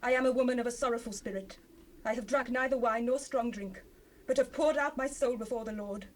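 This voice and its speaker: A brisk, natural woman's voice, fairly high, speaks fervently in formal archaic language as a devout, grieving biblical wife in a dramatized scripture reading. It comes from a noisy, unprocessed rip of a 1970s cassette.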